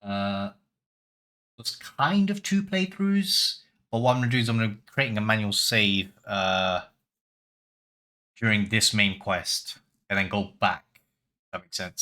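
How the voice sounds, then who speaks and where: A man's voice: fairly low pitch, normal speed. Man thinking aloud over gameplay. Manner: relaxed, thinking aloud with fillers. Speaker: gameplay commentator. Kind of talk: casual game commentary.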